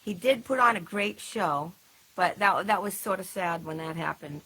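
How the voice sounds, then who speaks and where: This band member co-hosts a livestream recap, her fairly low, fairly bright voice moving at a moderate pace over poor audio with a little hiss or hum. She chats casually about old gigs, laughing and using fillers.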